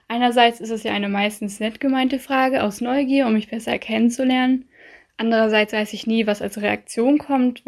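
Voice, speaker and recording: A woman giving a calm, composed account in an interview, measured in how she speaks. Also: a little high, creaky.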